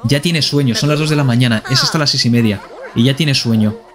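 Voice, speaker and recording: A man's voice: mid-range voice, a little fast. A man with a Spain Spanish accent streaming live gameplay commentary, playfully talking to himself and to the characters on screen.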